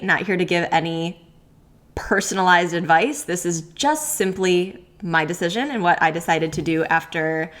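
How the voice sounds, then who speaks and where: A woman's voice: fairly low pitch, a bit bright. A pregnant woman in her thirties hosting a solo podcast Q&A, talking candidly with many likes and ums and frequent laughs. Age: 30s. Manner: laughs often while talking. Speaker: podcast host.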